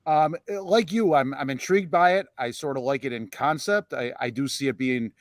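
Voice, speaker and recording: A man co-hosting a local podcast, a lawyer and former police officer, speaking in a measured, halting way with frequent restarts. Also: medium pitch, dry recording, clean studio sound. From United States. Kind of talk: casual panel discussion.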